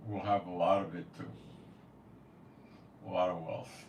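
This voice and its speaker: In a low, level voice with vocal fry, the prophecy channel host talks without hurrying, rambling casually and scoffing bluntly as he shares strong opinions. The recording has room echo, faint noise and a distant mic.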